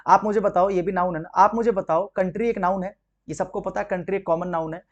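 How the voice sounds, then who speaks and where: High-voiced Indian-English grammar teacher. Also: male voice, fairly even intonation, fast talker, dull audio. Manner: explains step by step, asks rhetorical questions. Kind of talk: exam-prep grammar lesson.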